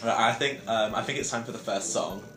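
A man's voice: on the low side, fairly even intonation, brisk, a bit bright, reverberant. A young man hosting a student radio show, polished and announcer-like, teasing his co-host. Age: young adult. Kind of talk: casual radio chat.

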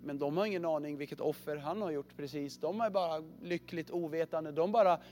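A male preacher telling a story in a sermon, earnest and often dropping to a hushed, heavy voice. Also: on the high side, faint music behind.

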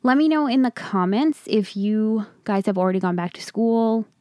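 Young female podcast host, casual and chatty, smooth tone recorded dry at home. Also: medium pitch, lively intonation, moderate pace, dark tone, no room sound. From Long Island, New York. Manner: chatty, rambling, upbeat. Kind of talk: casual solo podcast chat.

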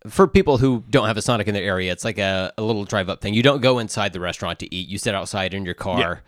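A man's voice: on the low side, quick pace, fairly bright tone, no room sound, studio quality. A man co-hosting a podcast in casual chat, joking and rambling with plenty of fillers. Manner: jokey, rambling with many fillers. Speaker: podcast co-host.

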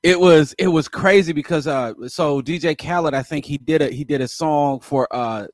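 A man hosting a casual chat, an animated storyteller who keeps laughing and acting out what others said. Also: fairly high pitch, normal speed, no echo, studio quality.

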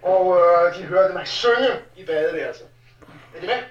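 Casting: male actor as a flustered husband in an old film, theatrical, high-pitched, heard in dull TV sound. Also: roomy sound, far from the mic, close to an everyday voice. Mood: insistent.

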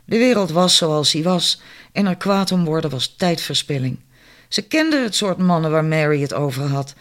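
A man reads a novel aloud in calm, scripted narration. His voice sits a little higher than most men's. He keeps an even storytelling pace. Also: moderate pace. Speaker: audiobook narrator.

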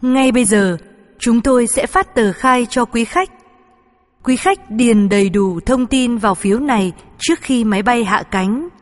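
A woman's voice: fairly high pitch, lively intonation, unhurried. A woman speaking as a flight attendant, reading formal, polite scripted in-flight announcements. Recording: long hall-like reverb.

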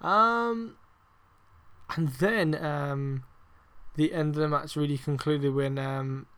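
Swearing, excitable podcast man. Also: a little high, slow, clear, resonant tone. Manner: heavy swearing, rambling with many fillers; excitable, emphatic. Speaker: podcast host. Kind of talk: casual wrestling review podcast.

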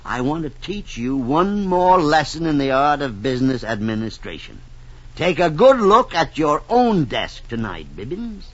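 An actor playing a gruff, domineering businessman and cold father in an old radio drama. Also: on the high side, sing-song, moderate pace. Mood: bullying. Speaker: company boss. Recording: dull lo-fi old radio recording.

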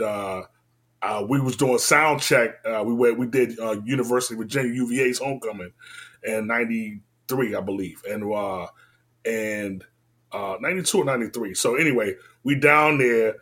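Laid-back man from D.C. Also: normal speed. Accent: Washington, D.C. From Washington, D.C. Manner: laid-back and animated, slangy, drifts between loud and low. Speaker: rapper and engineer telling his story. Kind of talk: casual storytelling interview.

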